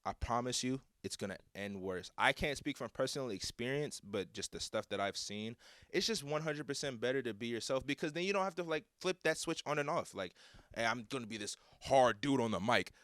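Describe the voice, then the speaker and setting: A man's voice: mid-range voice, animated, a little fast, a bit bright, no room sound, studio quality. A young man, a guest rapper, giving earnest advice on a casual podcast, emphatic and full of "like" and repeated words.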